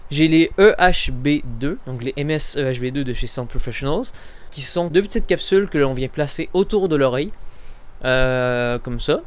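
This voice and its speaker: A man's voice: mid-range voice, normal speed. A man giving a casual, informal product demonstration as host, talking through each step as he goes. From Canada. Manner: chatty, informal, narrates own movements step by step. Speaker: podcast host reviewing audio recorders. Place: small home studio and narrow hallway. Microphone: recorder's internal mic, later binaural in-ear microphones.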